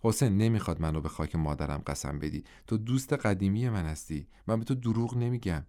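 A stubborn young village man, earnest and worn down by grief, speaking plainly in a lowish voice, as a male narrator reads him. He sounds loyal and hurt rather than angry. It is an audiobook reading. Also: animated, warm tone, natural voice. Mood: grieving, earnest.

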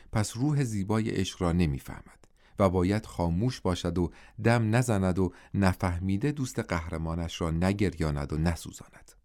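Low-voiced male audiobook narrator. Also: a little mellow.

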